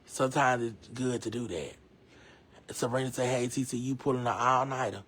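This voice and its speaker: A man casually reading viewer comments aloud on a live stream, chatty and slangy, reacting loudly and laughing. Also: medium pitch, normal speed, husky.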